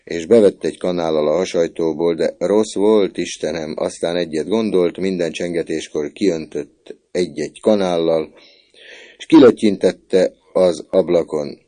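Man, audiobook narration, very deep voice, dark, mellow, measured storytelling. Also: fairly even intonation, dry recording.

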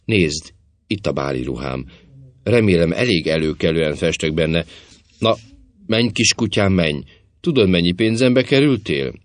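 A man's voice: low voice, lively intonation, dry recording. A man reading an audiobook, voicing a vain, flirtatious stage actress who teases and coaxes in a coquettish manner. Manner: coquettish, teasing, affectionate. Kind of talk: audiobook character voice.

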